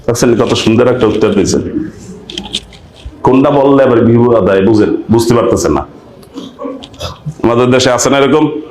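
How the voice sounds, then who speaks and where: Male preacher, mid-pitched, questioning the crowd, reverberant hall sound. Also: normal speed, pauses often, darkish tone, slight background noise. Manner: rhetorical questions to the audience, acts out village dialogue. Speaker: preacher giving Quran commentary. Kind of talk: sermon.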